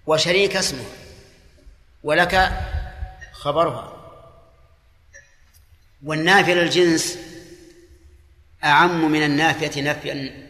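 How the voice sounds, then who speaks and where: A man's voice: on the high side, measured pace, pauses often, bright, forceful tone. A man giving a religious lesson, explaining points by asking and answering his own questions. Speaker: Islamic scholar teaching a class. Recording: echoey hall.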